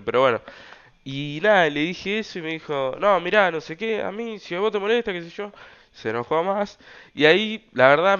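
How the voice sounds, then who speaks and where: Young Argentine male host, casual slangy storyteller, smooth tone, dull recording. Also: mid-range voice, fairly bright tone. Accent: Argentine Rioplatense Spanish. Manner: rambling, loose, slangy, many fillers. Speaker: podcast host.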